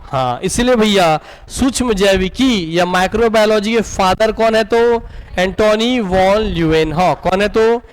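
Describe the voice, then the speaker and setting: A man's voice: high voice, unhurried, smooth. A male teacher with a Chhattisgarh Hindi accent giving a classroom lecture, asking questions over and over and answering them himself. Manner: drills students with repeated questions and answers. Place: coaching classroom.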